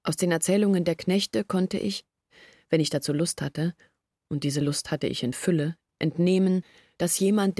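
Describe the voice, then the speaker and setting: In a literary radio play, an actress delivers a reflective, measured monologue as an earnest woman confessing her family's failures. She has a low-pitched, husky, slightly mellow voice, captured in a dry recording of studio quality.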